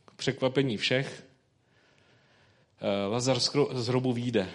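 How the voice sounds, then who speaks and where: A man's voice: medium pitch, a bit bright. A man preaching who first reads a Bible passage, then talks it over in loose, conversational speech full of fillers. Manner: reads scripture slowly, then preaches informally with colloquial fillers. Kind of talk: sermon with scripture reading.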